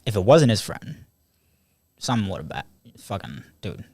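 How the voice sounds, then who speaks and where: A teenage guy hosts a casual podcast chat with friends in a small room, rambling, laughing a lot and swearing freely. His voice sits fairly low and has a sing-song, darkish quality at a moderate pace, with no echo.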